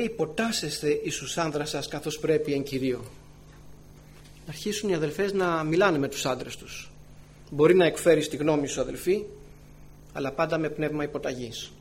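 Church elder, male, sermon delivery; earnest, slightly high voice, swings loud to hushed, faint hum underneath. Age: adult with wife and children. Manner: earnest, often calls the listeners brothers and sisters; swings between loud emphatic phrases and soft low asides.

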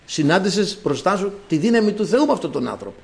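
A man's voice: high-pitched, very animated, creaky. A man preaching a sermon, explaining words to the congregation and calling out quoted lines in a raised voice.

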